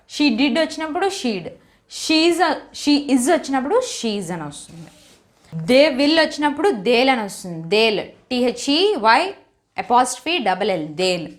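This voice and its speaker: A woman with a Telugu accent runs a steady English class, her voice fairly high and moving up and down a great deal. She works through patterns methodically, repeating each form and spelling words out letter by letter. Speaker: English teacher. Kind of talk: spoken English lesson in Telugu and English.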